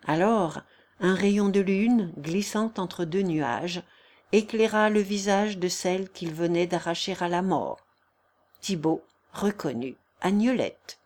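A woman narrating a classic novel aloud in a measured, expressive storytelling voice. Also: lowish voice. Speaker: audiobook narrator.

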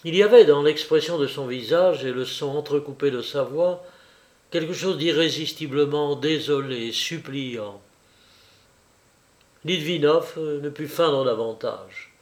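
A man reading a novel aloud in a measured, deliberate way. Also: fairly high pitch. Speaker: audiobook reader. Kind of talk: literary reading.

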